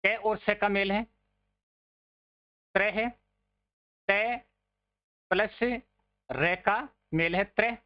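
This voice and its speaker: Male teacher for a grammar lesson, slow and steady delivery, repeats words for drills, muffled lo-fi recording. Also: high-pitched. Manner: addresses listeners as friends.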